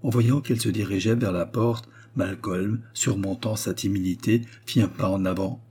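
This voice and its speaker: A male audiobook narrator reading a novel in a steady, measured way. His voice is low, dark and husky.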